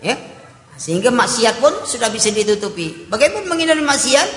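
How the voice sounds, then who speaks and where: A man's voice: very high-pitched, very animated, brisk. A man preaching and answering audience questions, joking and acting out little everyday scenes. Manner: humorous, acts out little scenes. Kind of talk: sermon Q&A. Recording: echoey hall.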